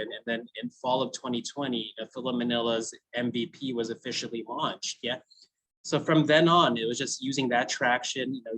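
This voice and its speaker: A chatty food brand founder, American and in his thirties, relates his story to a class casually, laughing frequently amid many "you know" fillers. The poor audio captures his mid-range, somewhat bright voice.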